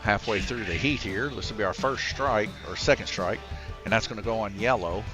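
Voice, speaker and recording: A man's voice: on the low side, a little fast, rough recording. A man giving casual, chatty live race commentary at a slot car raceway, with many filler words. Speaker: race commentator and track host. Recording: music playing underneath.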